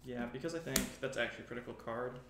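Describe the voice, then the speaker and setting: A man's voice: mid-range voice, fast talker, gravelly. A man playing a card game casually, hesitant and full of ums, joking at himself. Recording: echoey room with faint noise.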